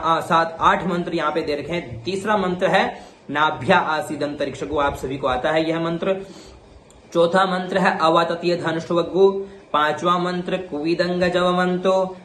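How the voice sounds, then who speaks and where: A man teaching the pronunciation of Vedic mantras, chanting each mantra slowly and then explaining briefly. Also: a little high, fairly bright tone, roomy sound, a little hiss or hum.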